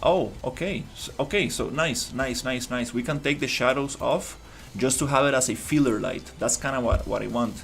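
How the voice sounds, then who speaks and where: A man's voice: medium pitch, moderate pace, gravelly, few pauses, a bit bright, faint music behind. A man from Costa Rica streaming his game development work, thinking aloud in a casual way with many fillers and restarts. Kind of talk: casual live-stream commentary.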